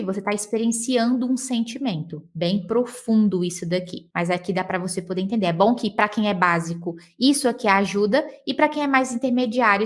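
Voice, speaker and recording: A woman with a Brazilian Portuguese accent teaching English words and pronunciation, chatty and encouraging, often checking in with quick tag questions and slowing down to model words. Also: a little high. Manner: chatty, tags lines with "tá?", slows to model words. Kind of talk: explaining English vocabulary and pronunciation.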